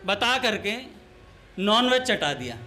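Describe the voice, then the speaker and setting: A man's voice: high-pitched, sing-song, slow, sharp tone, soft background music. A man giving a devotional talk in a storytelling manner, mixing everyday anecdotes with a funny tale of lisping brothers. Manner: storytelling, mimics lisping voices for comic effect. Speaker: satsang speaker.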